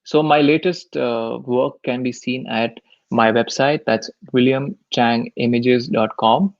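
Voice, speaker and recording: Gravelly Indian man, dull dry sound. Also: mid-range voice, steady tone, measured pace, dry recording. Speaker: photographer and teacher, webinar guest. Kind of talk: casual live-stream interview.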